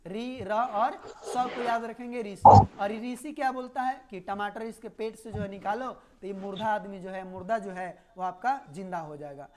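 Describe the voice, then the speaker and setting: A woman's voice: on the high side, darkish tone. A woman teaching a live online grammar class, explaining with little memory stories and repeating key words.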